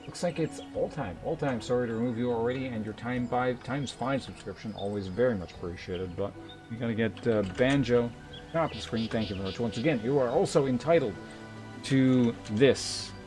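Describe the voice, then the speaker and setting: A man with a mid-range voice talks a little fast while live streaming a game, with music behind him. He chats casually and politely with viewers, rambling as he thinks aloud and reads their messages.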